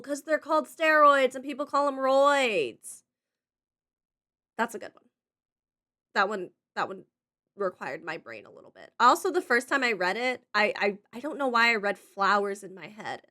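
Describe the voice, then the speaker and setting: A young woman streamer chatting casually over a game, giggly and excitable. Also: a little high. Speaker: VTuber streamer.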